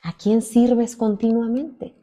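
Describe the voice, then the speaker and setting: Predicadora mexicana de voz suave y cálida. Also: female voice, on the high side, slow pace. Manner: expressive, swings from loud emphasis to soft asides. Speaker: minister preaching. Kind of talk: sermon.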